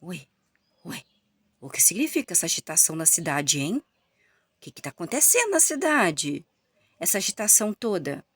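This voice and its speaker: A woman's voice: on the low side, sing-song, normal speed, long pauses, slightly rough, dry recording. A Brazilian woman reading aloud as a startled old male army commander, who asks his questions over and over. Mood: puzzled. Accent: Brazilian Portuguese. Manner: puzzled, repeated questions.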